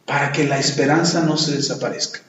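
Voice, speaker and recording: A middle-aged man, preaching a sermon in an earnest, animated way, often with rhetorical questions. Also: on the high side, fairly quick, dull audio, a little hiss or hum. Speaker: pastor. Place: church. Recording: very echoey church room.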